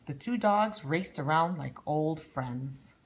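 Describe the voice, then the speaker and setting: A woman's voice: low-pitched, lively intonation, slow, exaggerated voice, low-quality recording. A woman voicing a lonely, bored young boy in a storybook read-aloud, timid and wistful. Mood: wistful, shy.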